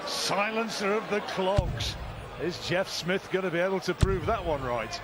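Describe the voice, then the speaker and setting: A man's voice: high-pitched, a little slow. A man giving live darts commentary in short, conversational phrases. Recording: clear crowd noise behind. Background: noisy darts arena.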